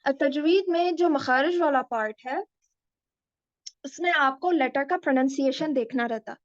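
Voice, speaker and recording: A woman teaching Quran recitation in a slow, patient lesson, pausing to demonstrate letter sounds aloud. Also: high voice, no echo. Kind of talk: slow explanatory lesson mixing Hindi-Urdu and English. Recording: dull lo-fi dry recording.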